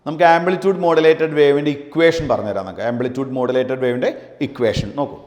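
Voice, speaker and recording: A male physics teacher lecturing a class, dictating definitions slowly and asking his students questions. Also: mid-range voice, fairly even intonation, darkish tone. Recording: echoey room with long reverb.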